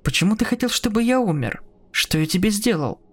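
A man playing a scared, bewildered man in a spoken horror story, halting and unsure. His voice rises a little above the narrator's usual tone. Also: high-pitched, lively intonation, slightly rough, voice pushed up. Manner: hesitant and halting. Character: frightened, confused adult man.

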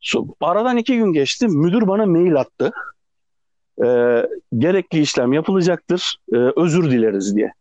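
Animated Ankara-accented man on phone. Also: fairly high pitch, normal speed, no room sound. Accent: Turkish, Ankara. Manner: animated, acts out quoted people. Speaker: podcast co-host. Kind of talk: casual chat storytelling. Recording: dull lo-fi phone recording.

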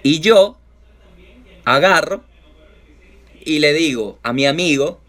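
A man's voice: a little high, slow. Venezuelan man telling a slangy story. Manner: lively anecdotes full of slang, acts out quoted voices. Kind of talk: casual chat, storytelling.

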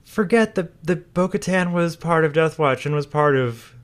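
A man co-hosting a podcast in casual chat, often halting and repeating words as he recaps. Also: on the high side. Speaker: podcast co-host.

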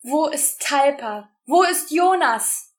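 A woman's voice: high voice, expressive, normal speed, pitched above the performer's own voice. Woman voicing a frantic, pleading heroine. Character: desperate young woman pleading for help.

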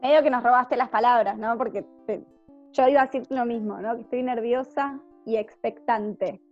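A friendly woman in a casual group chat, her voice a little high. She chimes in with easy, chatty remarks. The recording is slightly muffled, with a faint ukulele behind. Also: steady tone, normal speed, faint music behind. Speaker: group member.

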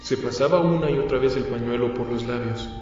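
A man narrating an audiobook in a steady storytelling voice. His tone is dark and mellow, and he sounds set back from the mic in a roomy, echoing space. Faint music sits under a dull, lo-fi recording. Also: medium pitch, a little fast, recorded from a distance. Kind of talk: scripted narration.

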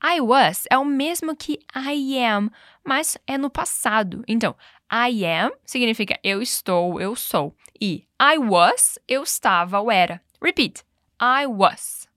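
A woman teaching English and running repeat-after-me drills, speaking clearly and patiently and slowing down on model phrases. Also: a little high, lively intonation, fairly bright tone, no echo, clean studio sound. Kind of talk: bilingual language lesson with repeat drills.

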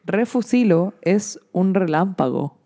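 A woman's voice: on the low side, animated, takes it slowly, mellow. Chilean woman, playful co-host. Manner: playful, teasing, swears casually. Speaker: podcast co-host. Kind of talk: casual chat.

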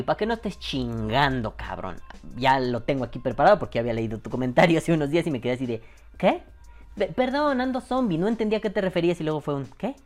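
Animated, foul-mouthed Mexican man hosting a podcast. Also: a little high. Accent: Mexican Spanish. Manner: joking, profane, animated. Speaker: podcast host. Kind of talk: casual podcast chat reading listener comments. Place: home room.

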